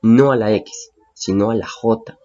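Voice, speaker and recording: A man's voice: fairly low pitch, unhurried, mellow, lo-fi sound. A male teacher patiently explaining phonetic symbols to students, repeating key points and checking understanding.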